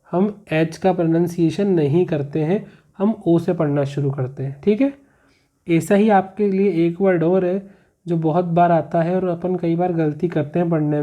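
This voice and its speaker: Dark-voiced man teaching a grammar lesson. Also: on the high side. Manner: explains slowly, repeats rules, asks questions back. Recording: muffled, slightly lo-fi.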